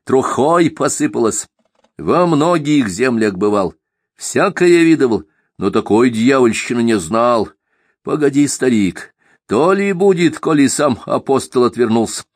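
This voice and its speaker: A man's voice: medium pitch, animated, unhurried, dry recording, clean studio sound, pitched above the performer's own voice. A man doing a fiery, ranting self-proclaimed god. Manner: fiery, scornful, preaching.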